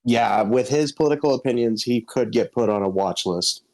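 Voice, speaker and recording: A man in his twenties, a guest on a casual stream, telling gossipy stories in an animated way. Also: mid-range voice, normal speed. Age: 20s.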